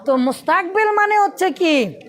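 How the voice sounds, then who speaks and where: A woman's voice: very high voice, expressive, normal speed, a crowd in the background. A woman teaching a classroom grammar lesson, asking questions and answering them herself and drilling verb forms over and over. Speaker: Arabic and English grammar teacher.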